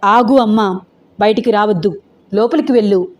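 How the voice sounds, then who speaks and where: A woman voices a young schoolgirl in an audio story, steady and solemn, her tone mellow and low-key. She speaks with a firm, grave calm. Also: moderate pace, natural voice.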